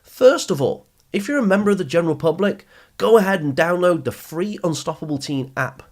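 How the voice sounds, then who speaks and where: A man who hosts a podcast and speaks on education addresses listeners directly in scripted narration, sounding encouraging and instructional with emphatic phrasing. His voice sits high, animated and fairly quick.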